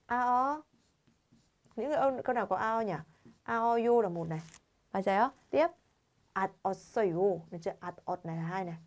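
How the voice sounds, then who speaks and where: A woman's voice: mid-range voice, fairly quick, long pauses. A woman teaching a Korean grammar lesson to learners, constantly quizzing viewers with rhetorical questions.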